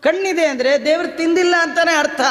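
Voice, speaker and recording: Man, devotional discourse, lively storyteller, very high voice, long hall reverb. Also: brisk. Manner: lively storyteller who chants verses and acts out dialogue. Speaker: religious discourse speaker.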